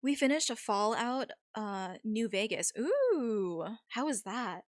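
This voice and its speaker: A woman with a high voice hosts a livestream in casual, chatty style. She talks informally to viewers, with a dry sound free of room echo. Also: sing-song, slow. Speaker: livestream host.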